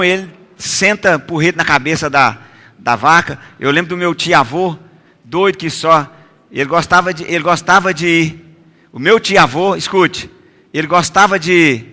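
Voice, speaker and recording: A man preaches in a high, bright, forceful voice. He keeps calling for responses and builds up to loud, emphatic repeated declarations. His voice carries a long reverb from a church hall. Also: normal speed. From Goiás, Brazil. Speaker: pastor. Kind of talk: sermon with call-and-response.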